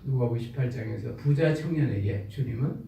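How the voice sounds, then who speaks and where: A man's voice: medium pitch, fairly quick, gravelly, warm tone, slight background noise. A male pastor preaching a sermon in a church sanctuary, emphatic and full of rhetorical questions to the congregation. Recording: echoey church hall, mic far off.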